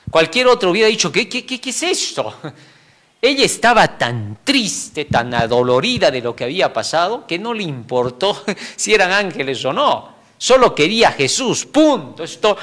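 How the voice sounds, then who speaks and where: Male Bible lesson teacher, a bit high-pitched, highly expressive intonation, animated and chuckling as he explains. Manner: animated, frequent tag questions, chuckles between points.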